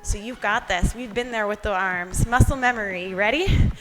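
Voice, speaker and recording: A woman's voice: medium pitch, normal speed, over music, poor audio. A woman leading a workout as instructor, encouraging and counting down cues while exercising along. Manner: exerting herself while talking, exercising along.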